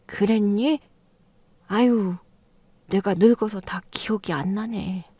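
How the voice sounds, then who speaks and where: A woman's voice: mid-range voice, slow pace, warm tone, slightly rough, no echo. A woman voicing an elderly mother-in-law in an audio drama, defensive and flustered, then pleading. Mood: apologetic. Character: older mother-in-law, stubborn then backpedaling.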